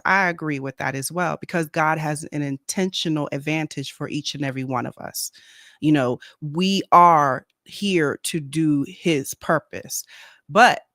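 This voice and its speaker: A man speaking earnestly in a casual faith discussion on a video call, slowing down to stress his points. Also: a little high, pushed and bright, dry recording, clean studio sound. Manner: earnest, slow and deliberate when stressing a point. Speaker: panelist on a faith talk stream.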